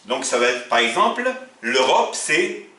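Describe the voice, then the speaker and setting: A man's voice: medium pitch, big pitch swings, measured pace, bright, forceful tone. A man teaching Arabic in French to a class. He often tells them to look and asks them questions, then answers himself. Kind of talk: classroom lesson explaining grammar. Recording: echoey room, mic far off.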